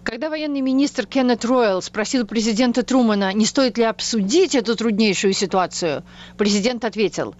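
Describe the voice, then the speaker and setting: A woman hosting a radio program, reading a scripted documentary narration in a measured, even way. The sound is a slightly muffled radio broadcast. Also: a little high.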